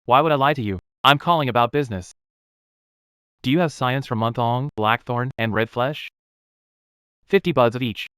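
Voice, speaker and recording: A man's voice: medium pitch, normal speed, long pauses, fairly bright tone, clear, resonant tone, dry recording, clean studio sound, lightly acted. A man voicing a firm self-made fruit grower. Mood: businesslike. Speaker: fruit tree breeder. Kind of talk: dubbed drama dialogue.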